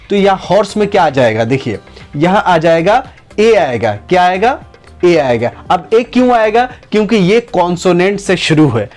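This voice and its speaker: A man gives a spoken English lesson in a high, light voice. He talks in a steady stream and draws the example sentences out slowly. Faint music sits low behind him. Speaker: English teacher.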